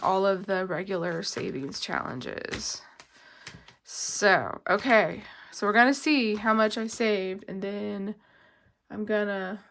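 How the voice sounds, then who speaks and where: A budgeting vlogger chats casually while counting cash, rambling with lots of fillers. She's congested from a cold and coughs, and her medium-pitched voice is fairly bright over a little hiss or hum.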